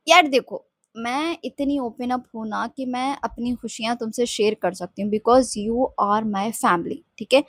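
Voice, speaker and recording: A woman's voice: mid-range voice, no echo, studio quality. A young woman coaching on mindset, talking earnestly and confidingly in a personal vlog, mixing in English and often checking in with "okay?". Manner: earnest, confiding, mixes Hindi with English, often asks "ठीक है?". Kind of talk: heartfelt personal vlog monologue.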